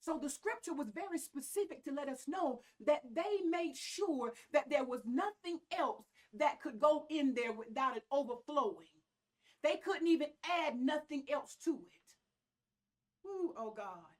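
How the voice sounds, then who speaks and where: Female preacher, Southern US accent, high voice, emphatic and folksy sermon delivery with repeated phrases. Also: animated, a little slow. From American South. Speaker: pastor preaching. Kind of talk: church sermon.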